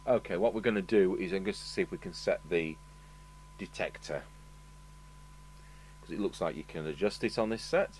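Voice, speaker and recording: This British man has a deep, darkish voice, speaks at a moderate pace and pauses often. As a radio repair technician presenting a review, he offers casual, matter-of-fact commentary while thinking aloud at work. Recorded in an indoor electronics workshop, the audio has clear background noise and an electrical hum.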